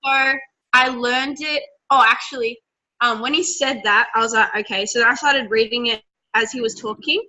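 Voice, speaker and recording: A woman's voice: fairly high pitch, steady tone, moderate pace, bright, forceful tone, a little hiss or hum. A woman chatting on a team video call, telling a run-on story with one thing after another. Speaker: team member sharing on a call. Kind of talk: casual chat. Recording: dull video call audio.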